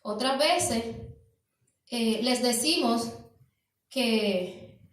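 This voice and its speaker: A woman preaches slowly and deliberately in a high voice, repeating key words and asking rhetorical questions. Her sermon rings through a large church hall, caught from far off with heavy echo. It is an evening church service.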